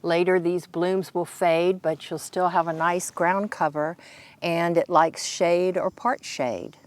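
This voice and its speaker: Walking through her home garden outdoors, a Kentucky woman gives a casual, instructive tour and names plants in simple terms. She speaks slowly in a lowish, steady voice. Faint outdoor ambience sits behind her voice.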